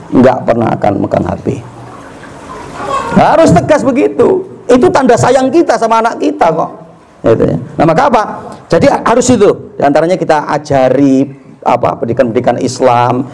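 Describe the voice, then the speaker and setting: A young adult man preaching a sermon, animated and full of rhetorical questions, acting out little family dialogues. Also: on the high side, rough recording. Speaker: Islamic preacher.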